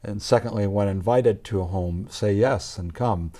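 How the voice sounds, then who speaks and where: A man's voice: lowish voice, normal speed, warm tone. A man, a pastor and guest, speaking earnestly in an interview and agreeing often. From Canada. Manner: earnest, with constant brief agreement sounds. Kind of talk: conversational interview.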